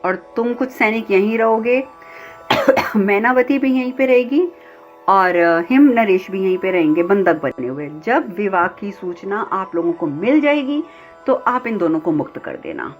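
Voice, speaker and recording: A woman's voice: mid-range voice, lively intonation, measured pace, lightly acted. A woman voicing a smug scheming demon. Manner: bargaining, giving orders. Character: scheming male demon captor, smug and commanding. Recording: slightly dull, faint sitar music.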